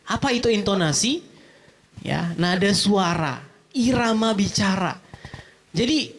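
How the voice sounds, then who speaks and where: Lively high-voiced man teaching a workshop. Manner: asks the audience questions and answers them himself; animated, with frequent "gitu ya" tags. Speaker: public speaking trainer. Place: mosque event hall.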